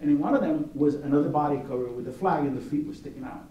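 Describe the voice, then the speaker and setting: A man talks his way through the works on show as a competition juror, stopping and restarting as he drifts into stories. His voice sits a little high but sounds mellow. He is heard from a distance in a very echoey gallery with faint background noise. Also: fast talker, highs cut off. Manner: rambling, many restarts and asides, anecdotal. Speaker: art competition juror giving a gallery talk. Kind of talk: informal gallery talk. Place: art gallery. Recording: roomy echo, distant mic, faint noise.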